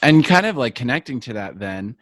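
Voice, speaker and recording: A man hosting a podcast interview, asking gentle questions and giving short affirmations. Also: mid-range voice, sing-song, a little fast, dry recording, studio quality. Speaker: podcast host. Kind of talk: casual interview.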